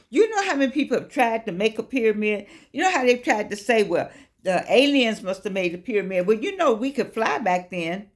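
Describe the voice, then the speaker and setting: A woman, giving a folksy, preachy motivational talk, repeating phrases and calling listeners baby. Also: medium pitch. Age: 80s. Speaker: life coach vlogger. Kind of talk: casual motivational talk to camera.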